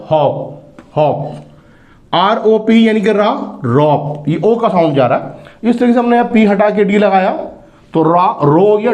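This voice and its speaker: Male phonics teacher, higher-pitched voice, patient letter-by-letter drilling. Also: darkish tone. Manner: spells words letter by letter, repeats each sound slowly. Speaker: English teacher. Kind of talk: classroom phonics lesson.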